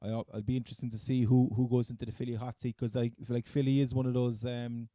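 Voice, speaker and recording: Male podcast co-host, Cork accent, very soft mellow tone, close dry sound, halting casual sports chat. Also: medium pitch, little pitch movement, no room sound. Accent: Cork, Irish. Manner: halting, hesitant phrasing.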